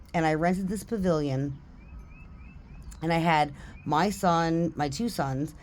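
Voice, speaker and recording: Low-voiced woman telling a story. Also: slight background noise. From New Jersey. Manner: animated, laughs often, swears casually. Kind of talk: casual storytelling.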